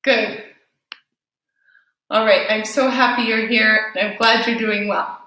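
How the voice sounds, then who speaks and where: Woman yoga instructor, high voice, unhurried, slightly breathless, distant mic, echoey room. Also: fairly even intonation, pushed and bright. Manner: encouraging, guiding breath cues. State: a little out of breath. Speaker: yoga teacher. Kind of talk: live yoga class instruction. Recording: roomy echo, distant mic.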